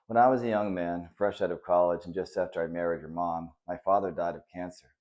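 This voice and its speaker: A man reading the part of a kind, patient father who talks softly and reassuringly to his son in a children's story. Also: low voice, steady tone, a little fast, muffled recording, lightly acted. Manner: soft and reassuring.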